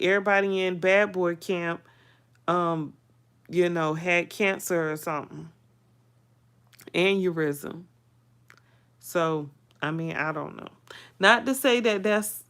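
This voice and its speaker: Chatty woman vlogger with a lowish voice. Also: a bit bright. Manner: chatty, hedging with personal opinions. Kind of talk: casual gossip commentary.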